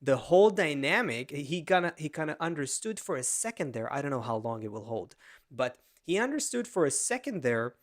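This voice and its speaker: A fairly high-voiced man in his thirties chats on a video call. He tells stories in an animated way and often restarts his sentences. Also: brisk. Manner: animated storytelling with frequent restarts. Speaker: podcast co-host. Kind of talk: casual conversation.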